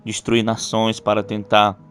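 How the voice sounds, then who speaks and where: A man, an apostle, giving a measured sermon commentary, often adding little tag questions. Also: lowish voice, monotone, a bit bright. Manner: measured preaching with frequent "né".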